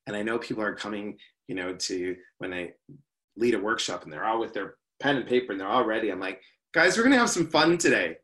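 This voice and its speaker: A man's voice: lowish voice, fast, fairly bright tone. A man speaking as an interview guest, an upbeat workshop leader who often says "you know".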